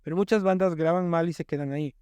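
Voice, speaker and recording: A man's voice: a little high, steady tone, fast talker, a little mellow, clean tone, no echo. A man from the Ecuadorian coast, a music producer talking as a podcast guest in an emphatic, explanatory way, often repeating words as he starts. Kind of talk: casual podcast chat.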